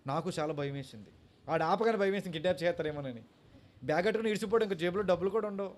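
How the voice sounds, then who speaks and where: Pastor, man, storytelling sermon with sung lines, slightly high voice. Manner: storytelling preacher, mixes in sung lines and English words.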